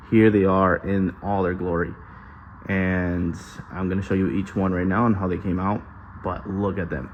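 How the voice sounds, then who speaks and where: A man's voice: low voice, slight background noise. A man giving a casual, hands-on how-to commentary, recorded on a handheld camera in a garage. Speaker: DIY car builder presenting. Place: metal-walled garage workshop.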